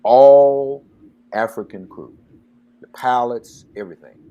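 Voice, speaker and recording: A man's voice: mid-range voice, slow pace, clean tone, muffled recording. A man hosting a radio talk show, speaking with passion and getting worked up like a preacher. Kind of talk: interview and commentary.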